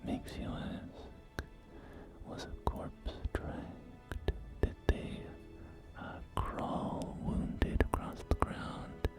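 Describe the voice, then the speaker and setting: Playing a genteel real estate agent, the ASMR voice stays breathy and whispered, choosing polished, courteous words. Nothing is rushed, there's a hesitant quality, and soft music fills the background.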